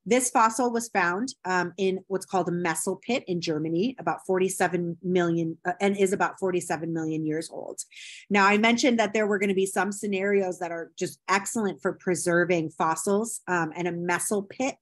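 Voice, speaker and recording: A woman's voice: on the low side, normal speed. A woman giving a recorded anthropology lecture over slides, explaining step by step with many ums and a habitual "right?". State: has the hiccups.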